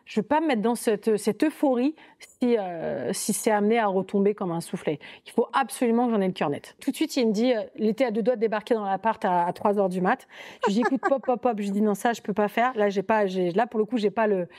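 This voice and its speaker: A young woman telling her own dating story as a podcast guest, in a lively, chatty way with many fillers and quoted thoughts. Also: medium pitch, fast.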